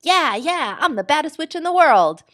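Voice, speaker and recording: A woman voicing a bold, excited little girl in a witch costume, shouting and boasting playfully in a storybook read-aloud. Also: mid-range voice, brisk, dry recording, clean studio sound, close to an everyday voice. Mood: gleeful.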